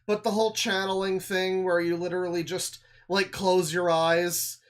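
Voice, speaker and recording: Sarcastic streamer, mumbling asides. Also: male voice, high-pitched, level tone, moderate pace. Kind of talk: casual reaction commentary.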